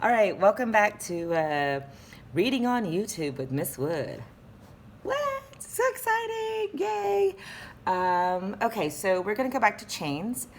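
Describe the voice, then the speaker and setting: A woman's voice: fairly low pitch, lively intonation, measured pace, a little hiss or hum. A young woman teacher reading a novel aloud and chatting about it in a playful, easily distracted way, recorded at home on a webcam.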